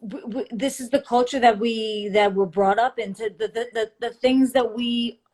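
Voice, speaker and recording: A woman speaks as a guest in a casual video chat. She talks haltingly, with a lot of restarts and fillers, in a fairly high voice that comes through a video call. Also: steady tone, a little mellow. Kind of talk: casual conversation.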